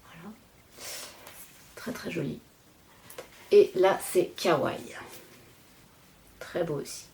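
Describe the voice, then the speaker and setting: Chatty low-voiced woman, casual podcast. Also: slow pace, darkish tone, a little hiss or hum. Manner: chatty, rambling, frequent "euh" fillers, self-deprecating laughs. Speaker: knitting podcast host. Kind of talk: casual chat.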